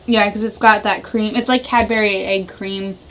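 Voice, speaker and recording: A chatty woman hosting a casual snack taste-test, giving blunt opinions at a middling pitch. There is a faint hiss behind her voice. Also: steady tone, moderate pace, a bit bright. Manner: chatty, blunt reactions, frequent laughs. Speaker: vlog host.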